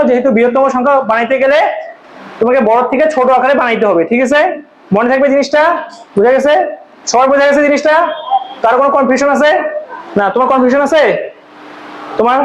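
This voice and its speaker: Male classroom tutor, very high and fast, quizzing pupils, roomy dull recording. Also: slight background noise. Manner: questioning students, repeating answers. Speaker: math tutor. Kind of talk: classroom teaching. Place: tuition classroom.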